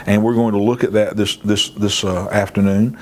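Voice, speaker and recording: A man's voice: fairly low pitch, flat delivery, moderate pace. A man pastor teaching a Bible lesson in a sermon style, earnest, often repeating words as he starts a phrase and lifting his voice to stress a point. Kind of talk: sermon teaching through scripture.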